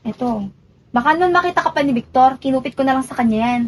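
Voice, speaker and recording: A woman acting as a worried, secretive young wife who speaks quietly and nervously in a student drama. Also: high-pitched, animated, fast, poor audio. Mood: hushed worried.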